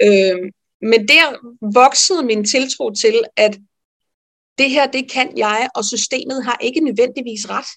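Woman midwife guest, animated storyteller, slightly high voice, lots of ums. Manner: lively, animated storyteller with frequent fillers. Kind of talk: personal storytelling in a podcast interview.

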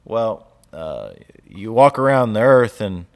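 A young man with a Southern US drawl co-hosts a relaxed faith conversation. He talks with animated energy, laughs easily, and often restarts his phrases. His voice sits at a middle pitch. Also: moderate pace. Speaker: podcast co-host, church leader. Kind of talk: casual faith discussion, reading scripture aloud.

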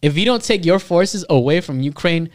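A man's voice: a little high, expressive, normal speed. A man co-hosting a podcast, telling stories and bantering casually in crude, slangy language with heavy swearing. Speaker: podcast co-host.

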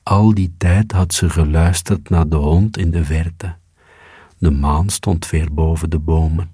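Slow, deep-voiced male storyteller. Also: husky, no room sound, studio quality. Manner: calm, measured, storytelling. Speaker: narrator. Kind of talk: storybook reading.

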